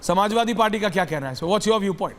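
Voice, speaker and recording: A man's voice: high voice, expressive, fairly quick, a bit bright, in a large hall. A man anchoring a TV debate, emphatic and mixing English phrases into his speech. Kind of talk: TV debate hosting.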